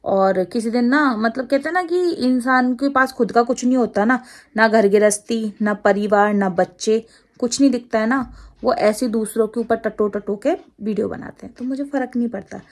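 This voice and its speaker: A woman with an Agra-region Hindi accent talks to her camera in a loose, rambling vlog. Her voice sits somewhat high, and she drifts from point to point, laughing easily. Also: moderate pace. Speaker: vlogger. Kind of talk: casual chat to camera.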